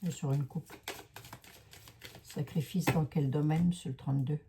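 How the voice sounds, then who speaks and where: On a casual card-reading livestream, a psychic card reader with a Lorraine French accent reads tarot in a chatty, self-mocking way, addressing her viewers. Her voice is deep with fairly even intonation at a normal speed, and there's background noise.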